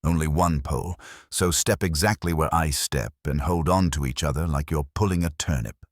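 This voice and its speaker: A man voicing a gruff, snappy army sergeant who grumbles, in a dark fantasy audio story. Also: extremely low pitch, normal speed, no room sound, studio quality. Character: gruff male sergeant, grumbling, swamp guide.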